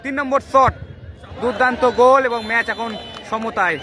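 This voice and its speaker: A man calling a penalty shootout live, in excited, urgent football commentary full of repeated exclamations. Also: very high-pitched, moderate pace. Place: outdoor football ground during a match. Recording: noisy outdoor stadium with loud crowd. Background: loud crowd and noise.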